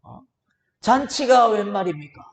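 A man voicing a bitter, resentful elder son who complains loudly to his father, heard in a reverberant hall. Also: high voice, expressive, measured pace, pitched above the performer's own voice. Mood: indignant. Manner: complaining, raised and insistent. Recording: roomy church hall reverb.

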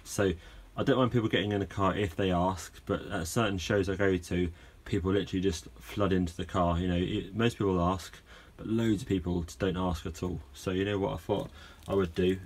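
This car owner vlogger has a low voice with fairly even intonation, speaking fairly quickly with hardly any pauses. Holding his phone camera in an outdoor garage yard, he casually rambles through a how-to project, full of fillers and restarts.

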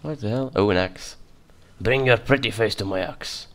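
A man's voice: fairly low pitch, normal speed. A man hosting a casual co-op gaming session, joking and laughing often. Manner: giggly, jokey, laughs often. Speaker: let's play host.

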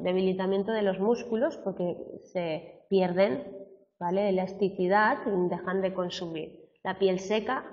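Spanish teacher lady lecturing, kinda low voice, echoey room, dull muffled recording from far off. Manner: chatty, peppers sentences with "¿vale?" tags. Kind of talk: classroom lecture. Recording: roomy classroom, far from a dull mic.

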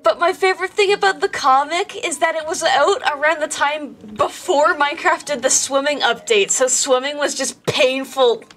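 A woman's voice: high voice, moderate pace, few pauses, fairly bright tone. A woman streamer chatting casually through a voice changer, giggly and joking, with lots of filler words. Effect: voice changer with a slight delay.

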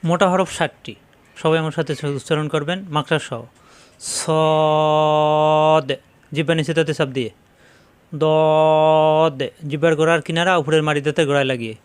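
A man teaching Quran letter pronunciation, repeating each letter slowly and explaining where it is formed in the mouth. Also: on the high side, dry recording. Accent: Bangladeshi Bengali. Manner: slow, drawn-out letter sounds between instructions.

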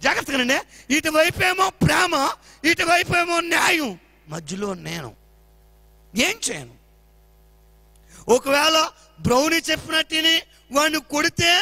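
A male pastor preaching a sermon, telling a family story with animated delivery and acting out the voices. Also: extremely high pitch, dry recording.

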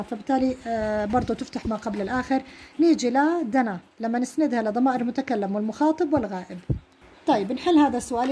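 Woman teacher, Levantine accent, rapid, mellow dark tone, grammar lesson. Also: a little high, slight background noise. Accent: Levantine Arabic. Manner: explains step by step, often checks understanding.

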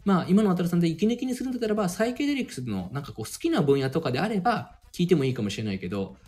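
A man hosting a podcast, casually giving step-by-step study advice and filling his pauses with little hesitations. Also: sits high, very animated, darkish tone. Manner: explains step by step with many fillers. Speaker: podcast host and language mentor.

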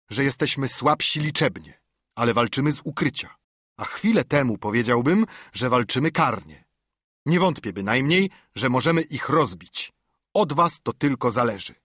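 A man's voice: mid-range voice, a bit bright, slightly rough, no echo, studio quality. A man voicing a proud, unyielding naval ship captain in a storybook reading, who speaks in a commanding, curt and scornful way. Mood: rallying.

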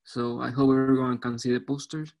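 A man in his twenties with a Puerto Rican accent, giving an academic presentation as a student researcher in a halting way, repeating words. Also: medium pitch, flat delivery, gravelly, darkish tone. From Puerto Rico. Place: online video call.

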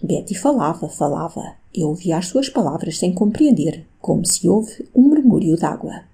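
A woman reads a classic novel aloud in an expressive first-person style. Her voice is dark and husky, with some gravel, and it moves through a wide range of pitch. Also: normal speed. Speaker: audiobook narrator. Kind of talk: scripted narration of a classic novel.

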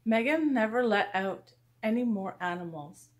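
A middle-aged woman reading a children's picture book aloud, animated and expressive. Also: normal speed. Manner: animated, lively pitch swings in dialogue. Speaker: storyteller, mother reading aloud.

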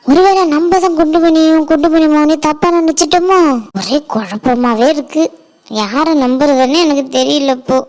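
A woman's voice: high voice, moderate pace, a little mellow, natural voice. A woman voicing a fretful, suspicious village mother in a cartoon, who scolds and repeats herself when confused. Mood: scolding. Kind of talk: Tamil cartoon voice acting.

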